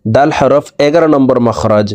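A man's voice: medium pitch, moderate pace, darkish tone. A man teaching the Arabic letters, saying each one twice and then spelling and explaining it. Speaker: Quran teacher. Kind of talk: slow step-by-step recitation lesson.

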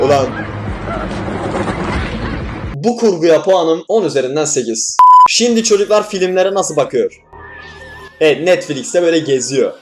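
A young man from Turkey hosting a reaction video, joking, swearing and tossing quick asides. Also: a little high, lively intonation, loud music behind the voice, over a noisy crowd. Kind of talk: casual reaction commentary.

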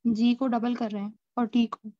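A woman's voice: fairly high pitch, little pitch movement, normal speed, mellow, no echo, highs cut off. A female student asking her teacher questions politely in an online class. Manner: polite, addresses teacher as ma'am.

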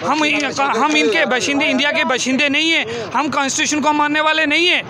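Outside a protest tent next to a busy road, with a crowd and traffic all around, a young spokesman makes an impassioned appeal to a reporter, repeating himself to drive points home. He talks fairly quickly in a very high-pitched voice.

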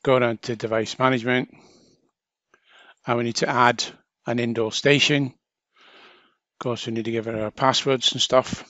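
Explaining each action one at a time, this mid-pitched male instructor walks through setting up software in an informal, chatty way. His delivery is flat and measured, with long pauses. There's no room sound, just a dry capture.

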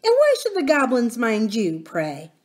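A woman voicing an indignant, fretful nursemaid in a storybook, huffy and plaintive, quick to take offence and scold. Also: fairly high pitch, wildly swooping pitch, voice pushed up. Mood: offended.

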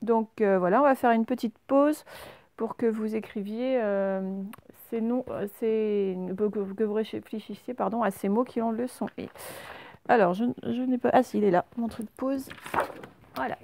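A woman's voice: on the high side, steady tone, darkish tone. Patient woman teaching young kids. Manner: slow, clear, patient explaining with many fillers. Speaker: primary school teacher. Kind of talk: recorded spelling lesson for young pupils.

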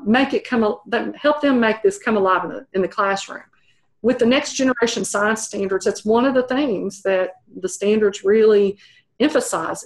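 A middle-aged woman talking through an interview in a thoughtful way, with many fillers and restarts. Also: mid-range voice. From United States. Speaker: program evaluation professor, interview guest. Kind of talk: conversational interview.

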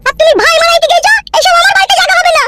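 A woman voicing a bitter, quarrelsome village aunt in a comedy cartoon, screeching and scolding without pause. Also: extremely high pitch, pushed and bright, pitched above the performer's own voice. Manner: screeching, scolding rapid-fire.

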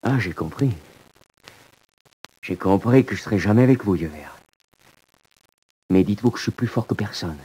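A man's voice: fairly low pitch, expressive, moderate pace, long pauses, dark tone, breathy edge. An actor playing a jealous, violent young male prisoner in a 1940s radio drama, intense and swinging from gloating to pleading. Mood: desperate.

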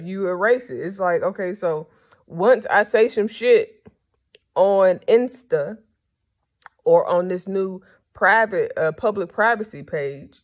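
A woman's voice: on the low side, dull audio. A woman podcast host giving a casual, rambling monologue, blunt and profane, sleepy and yawning.

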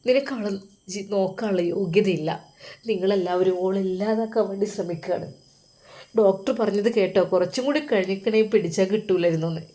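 A woman's voice: medium pitch, a little fast, warm tone, close to an everyday voice. A woman voicing a bitter, accusing older brother. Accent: Malappuram Malayalam. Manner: accusing, bitter, pressing questions.

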